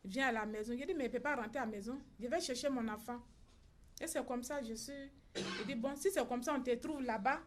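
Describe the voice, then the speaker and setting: Middle-aged Ivorian woman, bereaved mother at a press conference, slightly raised pitch, acts out the voices in her account. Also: brisk, slight background noise. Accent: Ivorian French. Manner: recounts events by acting out reported dialogue.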